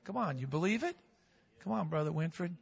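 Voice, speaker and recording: In a cavernous hall with long reverb, a pastor preaches at normal speed, animated, his somewhat high male voice gravelly and slightly rough. He calls and the congregation responds; he rises loud, drops to a hush, and lingers on his key phrases.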